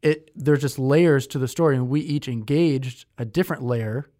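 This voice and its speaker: A man's voice: medium pitch, moderate pace, mellow, dry recording, clean studio sound. A young man co-hosting a podcast, chatting casually with lots of fillers and restarts. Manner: chatty, with many fillers and self-corrections. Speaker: podcast co-host. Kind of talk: casual conversational chat.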